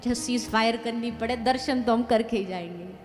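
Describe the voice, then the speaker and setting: Lady storyteller doing a stubborn ascetic god, braj accent, bit high, long hall echo. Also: moderate pace, close to an everyday voice. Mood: insistent. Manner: insistent, obstinate. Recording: long hall reverb, faint music.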